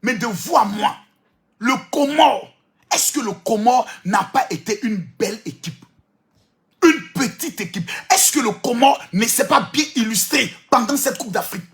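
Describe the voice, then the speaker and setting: A man with an Ivorian French accent delivers a teasing, repetitive monologue, often shouting. His voice sits high and sounds bright and forceful. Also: animated, a little slow. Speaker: social media commentator. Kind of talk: animated provocative monologue.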